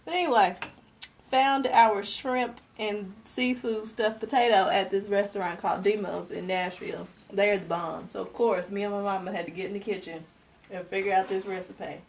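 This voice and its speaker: Amid the sizzle of frying pans and the clatter of utensils in a home kitchen, a cooking show host in her twenties talks casually to her live viewers and laughs easily. She speaks at a normal speed in a medium-pitched voice with vocal fry and fairly even intonation.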